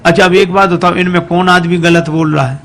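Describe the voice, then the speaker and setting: A male preacher tells a devotional folk story, mixing speech with sung verses. His voice is gravelly and a little high, and his delivery is very slow. Faint music plays in the background. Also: fairly even intonation, fairly bright tone.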